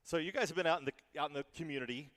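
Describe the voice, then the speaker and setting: A man hosting a football pregame show, interviewing a guest in a brisk, joking manner. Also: a little high, fairly bright tone. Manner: brisk, joking, reads questions.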